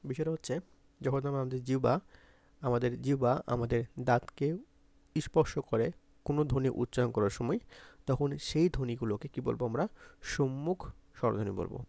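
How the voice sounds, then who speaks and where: Gravelly Bangladeshi man teaching a lesson. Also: medium pitch, fairly quick, pauses often, darkish tone, dry recording. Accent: Bangladeshi Bengali. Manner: repeats points, asks pupils to say sounds aloud. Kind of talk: exam-prep grammar lesson.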